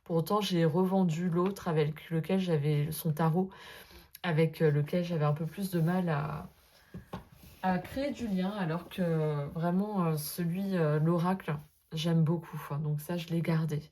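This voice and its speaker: A woman talking casually to her viewers about her tarot cards, full of hesitant fillers and gentle asides. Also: fairly low pitch, fairly even intonation, unhurried. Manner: hesitant, many filler euhs, gentle and self-deprecating. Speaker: sophrologist and tarot vlogger. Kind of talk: casual spoken vlog, addressing viewer as tu.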